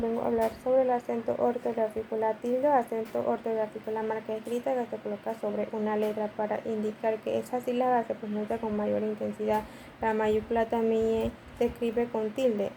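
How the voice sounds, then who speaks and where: Woman reading a flat, mellow class report. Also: a little high, vocal fry, slight background noise, low-quality recording. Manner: reads aloud, listing examples. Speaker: student presenter.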